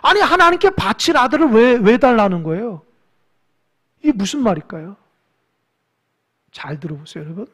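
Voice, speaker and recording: A pastor preaching a sermon in a lively way, putting questions to the congregation and exhorting them. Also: medium pitch, moderate pace, long pauses. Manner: animated, asks the congregation questions; exhorting, with quiet stretches.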